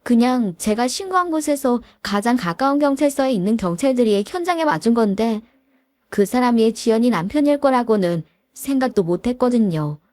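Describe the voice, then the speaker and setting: A woman's voice: fairly high pitch, animated, moderate pace, dry recording. A middle-aged woman narrating a dramatic first-person story in a confessional, dramatic manner. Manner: confessional, dramatic, shifts into angry shouting in quotes.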